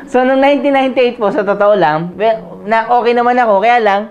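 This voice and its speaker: Lively Filipino seminar speaker, dull recording. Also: male voice, very high-pitched, brisk. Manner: conversational, asks the crowd "Tama?" often; jokes and laughs while telling his story. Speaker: motivational speaker. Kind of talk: live seminar talk to an audience.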